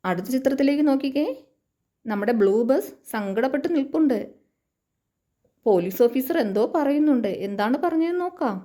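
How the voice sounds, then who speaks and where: A woman with a Malayali accent giving a lesson to young children, reading a storybook in a sing-song way and saying the English lines slowly. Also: sits high, lively intonation, mellow. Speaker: teacher.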